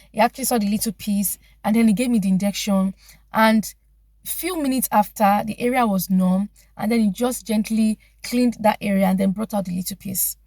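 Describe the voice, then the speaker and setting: A woman with a Nigerian accent telling a story-time vlog, animated and emphatic, with exclamations and many restarts. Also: mid-range voice, no echo. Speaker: vlogger.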